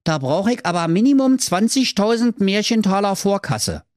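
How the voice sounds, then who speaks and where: A man voicing a cheeky, scheming shopkeeper and crook who pitches his goods fast in a Berlin accent. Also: sing-song, no room sound, clean studio sound. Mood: wheedling. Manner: fast-talking sales pitch.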